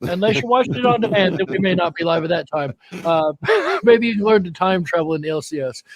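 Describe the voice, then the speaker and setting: A man co-hosts a live stream in a high voice. He chats freely and turns often to the viewers in the chat, answering their questions. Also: animated, fairly quick, dry recording. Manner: chatty, addresses the chat directly. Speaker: co-host. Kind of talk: casual live-stream talk.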